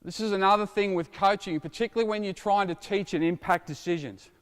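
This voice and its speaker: A middle-aged man coaching a basketball drill, calling out instructions and explaining to watching coaches in an energetic, lively way. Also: high-pitched, quick pace, smooth. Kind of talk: coaching clinic demonstration. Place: indoor basketball court. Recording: long reverb of a large gym.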